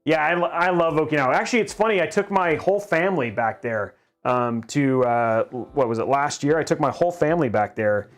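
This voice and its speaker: A man's voice: a little high, animated, fairly quick, hardly any pauses, faint music behind. A middle-aged man hosting a live stream, chatting casually and rambling, often restarting his sentences as he reads viewer questions. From grew up in Japan. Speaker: livestream host.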